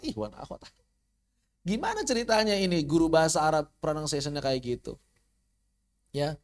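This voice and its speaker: High-voiced Indonesian man teaching tajwid. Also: gravelly. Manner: animated, demonstrates pronunciations, mock-quotes students. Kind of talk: online Islamic lecture.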